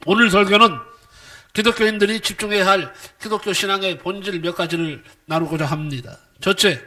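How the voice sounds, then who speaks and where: A man's voice: sits high, steady tone, a little fast. A middle-aged male pastor preaching a sermon, emphatic, firing rhetorical questions at the congregation and acting out quoted voices. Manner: acts out quoted voices with sudden swings in loudness.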